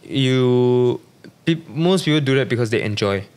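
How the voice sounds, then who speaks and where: A man's voice: medium pitch, measured pace, clean tone. A young man from Singapore, a podcast guest in casual chat, talking loosely with many fillers. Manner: relaxed, chatty, lots of "like" fillers.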